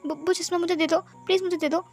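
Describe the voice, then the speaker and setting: A timid young man with glasses, bullied and close to tears, pleads in a high, stammering voice, as a woman puts him on. Faint music plays underneath. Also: steady tone, quick pace, darkish tone. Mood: pleading.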